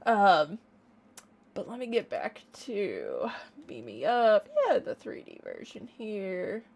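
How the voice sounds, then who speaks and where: A woman streamer giving a casual, excited reaction in a playful, bubbly, gushing way. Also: medium pitch, slow, gravelly, breathy edge. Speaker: online reaction streamer and music creator.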